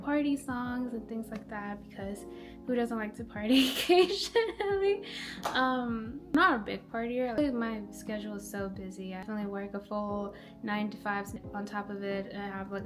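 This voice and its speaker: A young woman from Nepal talks casually about her songs, piling on filler words as she goes. Her voice sits mid-range. Music plays clearly behind her. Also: mid-range voice. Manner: chatty, lots of "like" fillers. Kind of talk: casual self-introduction.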